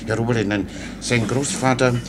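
This male actor, in a German radio drama, plays a simple-minded, gabby orderly who wanders through his words with naive calm and deference, staying chatty and unbothered. The voice sits in the mid range with a steady tone and ordinary pace, much like everyday speech, and background noise is clearly audible.

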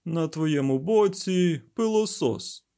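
A man's voice: high-pitched, lively intonation, pitched above the performer's own voice. A man voicing a sardonic cynical smuggler. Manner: slow, dry, sarcastic. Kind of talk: audiobook character voice.

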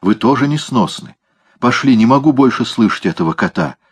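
A theatrical, whiny young streetwalker, as a male narrator puts her on, fretting over everything. The reader raises his voice clearly for her, while a husky tone still shows through. She comes across as a gaudy storybook character. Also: medium pitch, lively intonation, fairly quick, pitched above the performer's own voice. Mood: fretful. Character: showy, melodramatic young woman of the street.

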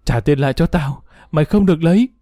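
A man doing a shrill panicked old grandmother. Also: expressive, quick pace, warm tone, dry recording, studio quality, faint music behind, natural voice. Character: frail old grandmother screaming for help.

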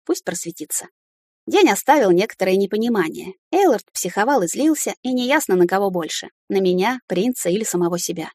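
Woman narrating an expressive audiobook. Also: fairly quick, no room sound, studio quality. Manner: expressive, heated and higher in argument. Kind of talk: first-person audiobook narration of a fantasy novel.

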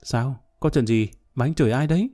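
A man's voice: medium pitch, brisk, dark tone, no echo, studio quality, lightly acted. A man voicing a frightened young wife who pleads anxiously in a storybook reading. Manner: worried, pleading.

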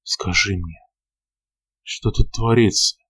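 A man reading an audiobook, voicing a cruel, scornful vampire lord who speaks slowly and emphatically. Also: fairly low pitch, fairly even intonation, a bit bright, full character voice. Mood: menacing. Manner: hoarse, slow and emphatic.

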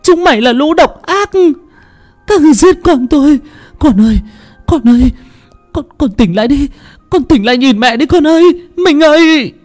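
A man voicing a desperate young mother who cries out, high and strained, begging for her child. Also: expressive, normal speed, a little mellow, faint music behind. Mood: grief-stricken.

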